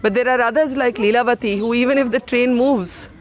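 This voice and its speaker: A man's voice: very high voice, steady tone. A man reporting earnestly from an outdoor railway station and interviewing an elderly woman. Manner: earnest, measured. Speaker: news reporter. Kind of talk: field news report.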